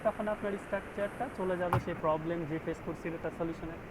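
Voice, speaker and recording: A man's voice: high-pitched, steady tone, fast, heavy background noise. A man teaching a graphic design class online, explaining step by step and often checking that his students follow. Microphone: video call.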